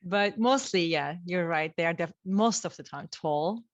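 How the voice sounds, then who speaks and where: A woman co-hosting a podcast in casual chat, asking questions and chiming in with quick agreement. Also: lowish voice, no echo, highs cut off. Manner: asks questions, quick agreeing backchannels and laughs. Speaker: podcast co-host.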